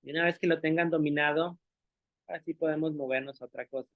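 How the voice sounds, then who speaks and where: A man's voice: fairly high pitch, fairly even intonation, fast, dry recording. A male teacher gives an explanatory talk to other teachers, patiently checking that listeners follow along and modeling sounds aloud. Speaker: language teacher presenting to teachers. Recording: dry, tinny phone-like sound.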